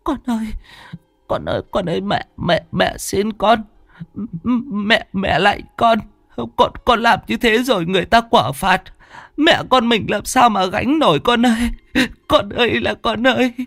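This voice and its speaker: A man's voice: high voice, measured pace, gravelly, a bit bright, no echo, clean studio sound, voice pushed up, heavily acted. A man voicing an old mother who wails and begs her wayward son through tears, in a horror story reading. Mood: tearful pleading. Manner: wailing, sobbing pleas. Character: old grieving mother, pleading and tearful.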